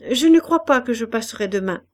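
A woman's voice: a little high, expressive, a little fast, voice pushed up. A woman reading aloud and voicing a reserved, proper young widow who speaks in short, polite lines, in a storybook reading. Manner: curt and polite.

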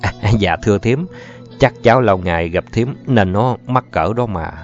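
A man's voice: on the low side, moderate pace, lightly acted. A man voicing an eager-to-please, fluttery middle-aged male teacher. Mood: coaxing. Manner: fluttery, overly courteous. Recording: muffled audio with faint music.

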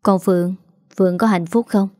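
A lonely middle-aged man, quiet and faithful, from a spoken story, as a woman reads him. The sound is mellow and dry, close to the mic. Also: mid-range voice, steady tone, moderate pace, no echo, lightly acted. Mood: wistful.

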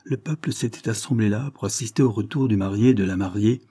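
Male audiobook narrator, husky, low, dark voice, measured delivery, dry close sound. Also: no room sound. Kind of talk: scripted narration.

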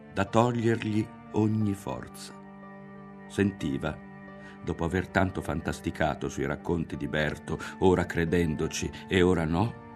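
Deep low guy reading a novel, measured, goes soft and hushed at times, faint music under. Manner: measured, expressive, dropping to hushed tones. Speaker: audiobook reader. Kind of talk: literary audiobook narration.

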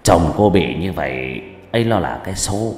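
A man doing a hushed, grim old fortune teller. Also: low voice, lively intonation, normal speed, pitched below the performer's own voice. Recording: echoey room, faint music.

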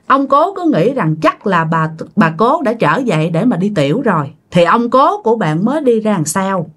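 A woman's voice: medium pitch, sing-song, normal speed, fairly bright tone, breathy edge. A woman telling a ghost story in a casual, chatty way, talking straight to her listeners. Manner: chatty, addresses listeners directly.

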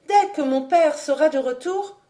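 Woman doing a young noblewoman, haughty, accusing, high-strung, pitched up. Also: measured pace, a little mellow, natural voice. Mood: indignant.

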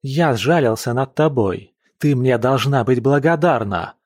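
An arrogant nobleman, played by a male reader, blusters and barks insults. His voice sits at a middle pitch. The recording is dry and close. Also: animated, measured pace, no echo. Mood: blustering. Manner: shouting, rude, blustering.

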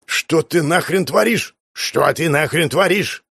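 Guy narrating doing a glitchy broken radio voice, stutters and repeats, slowed, raspy and dry. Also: a little high, a bit bright, no echo, pitched above the performer's own voice, heavily acted. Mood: glitchy mimicry. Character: man's throat mimicking a voice, glitching like a broken radio. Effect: stuttering, distorted broken-radio voice. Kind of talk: audiobook reading.

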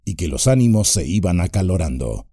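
A male audiobook narrator with a gravelly, husky, darkish voice, reading expressively with a very lively pitch. The sound is dry and close to the mic. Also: fairly quick, no echo.

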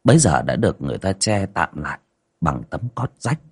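Gravelly man telling ghost stories. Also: sits low, brisk. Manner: dramatic storytelling with lively rises and falls. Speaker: ghost story narrator and livestream host. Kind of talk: livestreamed ghost story reading.

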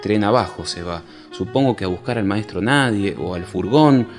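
Guy telling a dreamy story, lowish voice, soft cello behind. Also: normal speed. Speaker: narrator. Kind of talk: poetic story narration. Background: soft cello music.

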